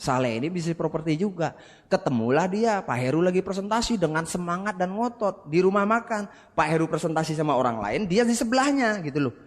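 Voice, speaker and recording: High-voiced man telling a motivational story. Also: fairly quick, in a large hall. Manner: animated, acts out quoted dialogue, addresses the audience directly. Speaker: business seminar speaker.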